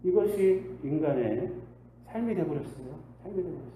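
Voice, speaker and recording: A male pastor preaching a sermon, asking the congregation rhetorical questions and swinging between loud bursts and quiet asides. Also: on the high side, expressive, a little fast. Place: church sanctuary. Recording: echoey church hall with faint hiss.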